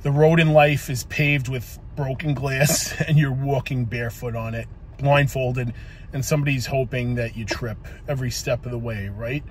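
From the driver's seat of his parked car, a police officer in his forties speaks to a dashboard phone camera, offering casual motivation full of ums, likes, and swearing. His medium-pitched voice keeps fairly even intonation at a moderate pace, with a little hiss or hum.

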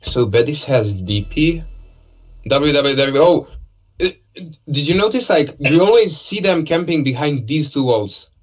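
A man's voice: on the high side, animated, measured pace, poor audio. A man casually commentating a live esports match, laid-back and joking, with lots of fillers.

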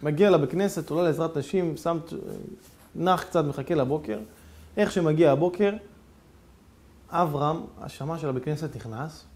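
A male rabbi giving a sermon, telling a story dramatically with sudden swings between hushed and loud. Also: fairly high pitch. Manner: animated, theatrical storytelling with sudden swings in loudness.

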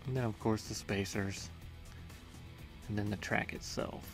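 Male maker, low-pitched gravelly voice, relaxed matter-of-fact voice-over of a metal and wood build, faint music underneath. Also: a little slow. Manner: plain, matter-of-fact explaining with small hesitations. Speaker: home workshop maker. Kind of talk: casual voice-over narration of a build.

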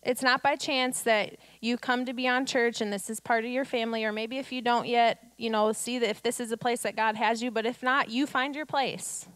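Preaching from a church stage, a woman in her thirties uses a high, bright voice with a steady tone, moving at a moderate pace with hardly any pauses. Rhetorical questions and acted-out quotes drive her sermon home, and her handheld mic gives a close, dry sound with no echo.

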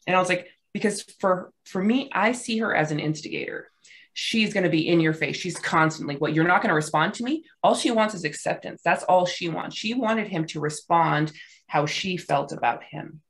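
A woman's voice: on the low side, moderate pace. A woman panelist casually analyzing a clip on a video call, chatty and acting out the quotes she describes. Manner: chatty, laughing, acts out quotes. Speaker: body language panelist.

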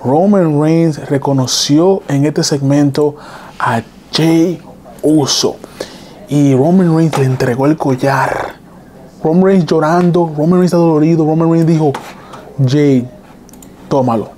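Excited man recapping wrestling live. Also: fairly high pitch, a little slow, a little hiss or hum. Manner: excited, repetitive play-by-play retelling. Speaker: wrestling streamer host. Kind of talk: live-stream recap with chat reading.

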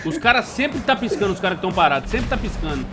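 A young Brazilian man with a very high, lively voice commentates on a game with friends. He is excitable and complains in casual slang, and loud music plays behind him. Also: fast talker. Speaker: gamer, channel host. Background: loud music, game session.

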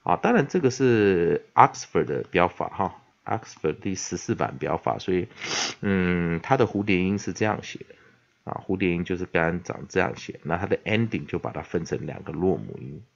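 A man with a Taiwanese Mandarin accent teaches English pronunciation in a classroom style. His fairly low voice moves lively up and down, and he fills his pauses with many drawn-out "ah"s, slowly repeating the words he teaches. The recording sounds dull and lo-fi. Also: vocal fry. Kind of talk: classroom-style vocabulary lesson.

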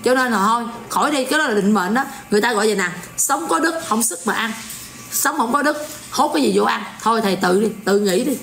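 A woman's voice: on the high side, lively intonation, quick pace, vocal fry, fairly bright tone, reverberant, faint music behind. Sarcastic Southern Vietnamese woman ranting. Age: 40s. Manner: sarcastic, mocking, scolding. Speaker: online commentator. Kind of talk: ranting livestream commentary.

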